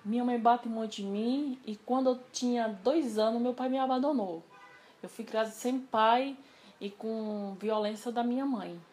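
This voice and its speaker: A woman's voice: mid-range voice, slight background noise. Chatty woman recounting a personal story. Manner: animated, acts out quoted dialogue. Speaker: interviewee. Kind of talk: casual storytelling interview.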